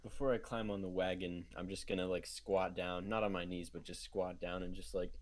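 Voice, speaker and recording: A man's voice: deep voice, flat delivery, a little fast. A man playing a tabletop role-playing game, chatting playfully and laughing easily. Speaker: player. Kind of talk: casual banter at a tabletop game.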